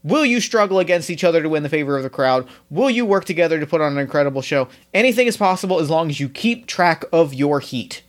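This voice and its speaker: Higher-voiced man hosting a podcast, enthusiastic. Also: expressive, fast, hardly any pauses. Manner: enthusiastic, informal, effusive. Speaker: podcast host. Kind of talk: casual podcast introduction and interview.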